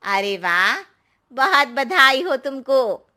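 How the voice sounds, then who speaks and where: A woman voices a middle-aged cartoon aunty who sweet-talks her neighbors while scheming against them. She speaks loudly and slowly, drawing out her words in a coaxing tone. The voice sits a little high. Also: sing-song, full character voice.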